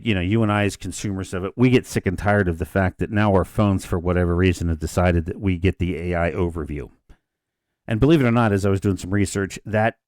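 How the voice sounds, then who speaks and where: A man's voice: low-pitched, a little mellow, no room sound. A man. He co-hosts a casual podcast chat, rambling through asides and restarted sentences. The recording is close and dry. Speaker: podcast co-host. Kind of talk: casual discussion.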